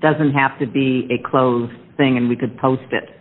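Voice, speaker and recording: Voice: medium pitch, fairly even intonation, moderate pace. A presiding judge questioning counsel in an informal, plain-spoken way. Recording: thin phone-like courtroom audio.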